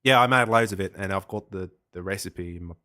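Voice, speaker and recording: A man voicing a boastful Australian salesman who buries chimpanzees, rambling through made-up chemistry in a low, bright voice. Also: fast, dry recording, clean studio sound. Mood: bluffing salesman. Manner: rambling, sales-pitch bluster with fake chemistry.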